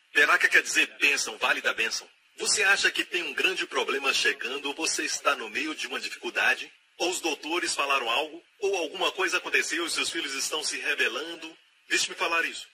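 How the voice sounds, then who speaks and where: A man preaching with a very bright, ringing tone and a fairly high voice. He hammers phrases home through repetition and slips into quoted voices. A faint hiss runs underneath. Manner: emphatic, repeats key phrases, acts out quoted voices.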